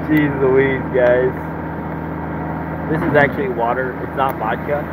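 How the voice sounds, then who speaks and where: A man in his thirties who owns a truck business talks casually to his phone camera from inside the cab, arm outstretched. His mid-range voice keeps a fairly even intonation and a measured pace as he rambles in a relaxed way. Engine noise runs through the phone audio of this talking-head vlog.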